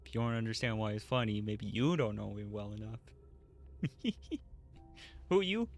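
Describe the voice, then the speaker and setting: A man's voice: on the low side, level tone, moderate pace, gravelly, faint music behind. A man streaming a game, rambling playfully as he plays and answers chat. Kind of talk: casual gameplay commentary.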